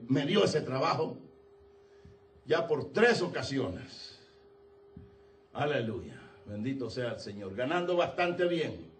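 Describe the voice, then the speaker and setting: Fervent high-voiced preacher shouting from afar. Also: male voice, recorded from a distance. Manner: fervent, often shouting, repeats praise interjections. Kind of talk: impassioned sermon.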